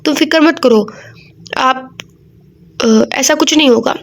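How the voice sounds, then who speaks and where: A devout young university woman, firm and self-assured, read by a woman narrator in her high voice. Her lines stay steady and plain in this audio novel. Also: slow pace.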